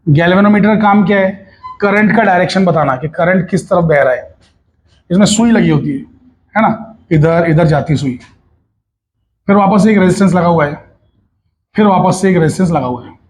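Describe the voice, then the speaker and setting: Brief: male physics tutor, middle-aged, high voice, chatty and coaxing, code-switching in lessons. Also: normal speed, long pauses. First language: Hindi. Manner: chatty, coaxing, mixes Hindi with English and Marathi asides. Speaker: physics teacher. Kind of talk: recorded online physics lesson.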